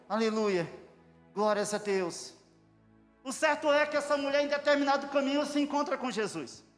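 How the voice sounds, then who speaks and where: A man preaching an impassioned sermon, bursting into shouted praise. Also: extremely high pitch. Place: church hall. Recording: echoey church hall with music.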